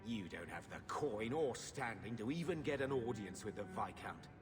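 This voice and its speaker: An actor playing a gruff, shamefaced middle-aged uncle, a fallen nobleman, in a video game. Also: fairly low pitch, expressive, moderate pace, lightly acted. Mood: bitter, dismissive. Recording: echoing hall reverb. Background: game music.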